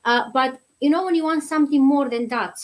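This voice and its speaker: A Romanian nursery teacher in her thirties answers interview questions as a guest on an online show. Her voice sits high and she talks fairly quickly, friendly and chatty, with lots of fillers.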